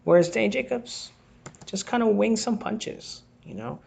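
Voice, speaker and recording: A man's voice: high-pitched, lively intonation, moderate pace, gravelly, a little mellow, slightly rough. A man giving a casual, think-aloud breakdown of boxing footage, reacting to each replay as he scores the round. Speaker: boxing analyst. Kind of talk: casual fight breakdown commentary.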